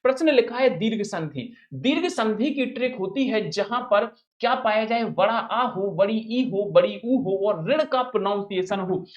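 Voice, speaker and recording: A man's voice: high voice, expressive, normal speed, few pauses, lo-fi sound. A man teaching an exam-prep grammar lesson, repeating each point and asking and answering his own questions while calling viewers brother. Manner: addresses viewers familiarly as brother.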